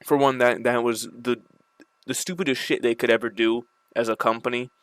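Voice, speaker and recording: A man's voice: medium pitch, fairly even intonation, moderate pace, clean tone, dry recording. A man ranting casually about video games, annoyed and swearing freely, with a slight lisp from the retainers he is wearing. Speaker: gaming video creator. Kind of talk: casual rant to camera.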